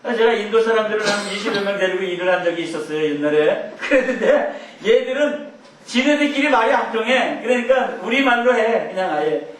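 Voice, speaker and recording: A man's voice: high voice, animated, fairly quick, distant mic. A middle-aged man teaching a Bible class in a church hall, in a conversational way with rambling asides. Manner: conversational, rambling asides with chuckles and mimicked shouts. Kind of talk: Bible lecture.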